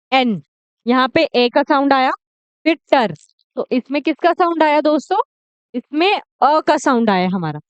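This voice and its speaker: A woman teaching English pronunciation in an online video lecture, repeating words slowly and often checking "okay?" with her learners. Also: high-pitched, no echo. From India.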